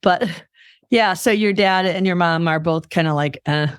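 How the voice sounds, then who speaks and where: A woman's voice: on the low side, unhurried, clean tone, dry recording, clean studio sound. A woman hosting a casual interview while fighting a cold, rambling and correcting herself as she talks. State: has a cold. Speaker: podcast host.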